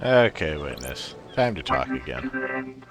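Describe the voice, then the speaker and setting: A man's voice: low voice, very animated, fairly quick, noisy background. A man playing a video game, giving casual commentary and reading bits aloud as he goes. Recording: music behind the voice.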